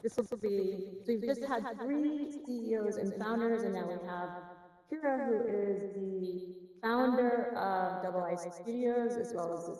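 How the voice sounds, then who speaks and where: A woman's voice: medium pitch, unhurried, mellow. Woman hosting with heavy distant echo. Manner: gracious, upbeat host introducing speakers. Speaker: event host. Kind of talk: live-stream event hosting. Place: virtual event space. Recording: echoey, distant, long reverb.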